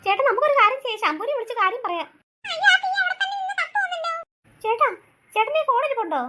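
A woman's voice: very high-pitched, very animated, very fast, very noisy. A woman voicing a worried mother in a cartoon, fretful and scolding. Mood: urgent. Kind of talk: cartoon voice acting.

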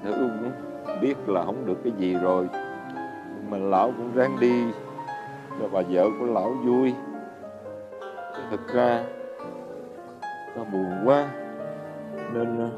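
A man's voice: mid-range voice, measured pace, long pauses, highs cut off, over music, lightly acted. An actor playing a poor, good-natured old fisherman who talks meekly and hesitantly with frequent chuckles. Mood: rueful.

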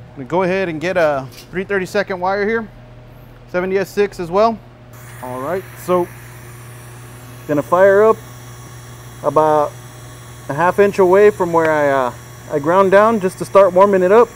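Man, thirties, welding instructor, easygoing hands-on talk, higher voice, faint shop noise. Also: moderate pace, pauses often. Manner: relaxed, folksy, frequent "you know". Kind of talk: casual demonstration tutorial. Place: large welding shop indoors.

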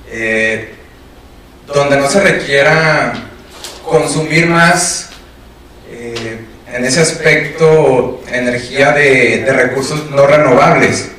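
A man in the audience asks his question haltingly, searching for words. He speaks very slowly, heard from a distance in a strongly echoing room. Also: medium pitch, a bit bright, slight background noise. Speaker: audience member asking a question. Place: lecture room.

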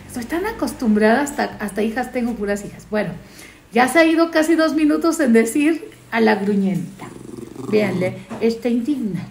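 Chatty woman with gravelly voice. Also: a little high, lively intonation, moderate pace, a little mellow. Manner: chatty, rambling, baby-talks to her dog. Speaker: fan news vlogger. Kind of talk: casual chat to fans. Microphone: phone camera. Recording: echoey room, faint noise.

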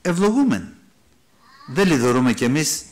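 Φωνή ενός μεσήλικα ιεροκήρυκα, λίγο πιο ψηλή από τη συνηθισμένη, σε οικείο κήρυγμα. Διαβάζει αρχαία κείμενα της Γραφής και τα ξαναλέει απλά στους «αδερφούς» του. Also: male voice, on the high side, animated. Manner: conversational preaching, addresses listeners as brothers, reads and explains scripture. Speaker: preacher. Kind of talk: sermon. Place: church hall.

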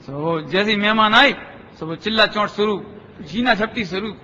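A male religious teacher tells parables in a high, bright voice, breaking off to ask whether the audience follows. He acts out the people in his stories. The sound is dull and lo-fi, with a long hall reverb. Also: normal speed. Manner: storytelling, checks understanding with rhetorical questions. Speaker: Jain scholar giving a discourse. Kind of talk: sermon with parables. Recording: dull, echoey lecture hall.

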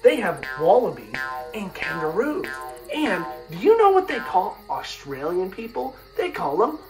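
A woman teaching a lesson for young children, slowly repeating each key word in a sing-song way. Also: mid-range voice, wildly swooping pitch, distant mic. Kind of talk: educational lesson for young kids. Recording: music playing behind the voice.

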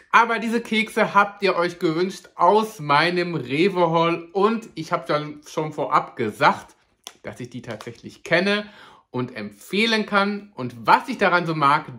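A food vlogger with a bright, forceful, medium-pitched voice does a casual snack review straight to camera. Playful and chatty, they make fun of their own pronunciation and keep calling viewers "ihr Lieben".

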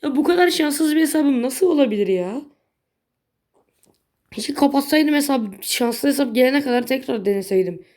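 A woman's voice: high voice, lively intonation, normal speed, mellow. A young woman chatting casually while playing a mobile game, blunt and easily frustrated, swearing lightly at her bad luck. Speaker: gaming video creator. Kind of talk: casual gameplay commentary.

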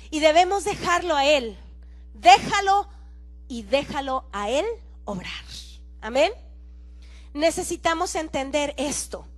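A woman pastor. She is animated and playful, acting out little dialogues and breaking into shouts as she mimics people. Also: sits high. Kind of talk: lively sermon. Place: church.

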